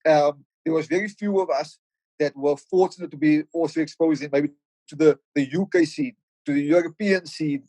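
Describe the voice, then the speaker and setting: A middle-aged rapper and producer from the Cape Flats in Cape Town speaks with a Cape Town South African accent as a guest on a casual podcast. His fairly high, mellow voice moves at normal speed, reflective and full of stammered restarts, on a dry, low-quality recording.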